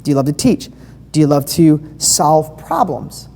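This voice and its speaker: An enthusiastic woman leads a live online training, chatty and full of questions for her listeners. Her voice sits low and mellow, and it carries a long reverb tail like a big hall. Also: animated, a little slow. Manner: enthusiastic and conversational, asks the audience questions. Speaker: business coach.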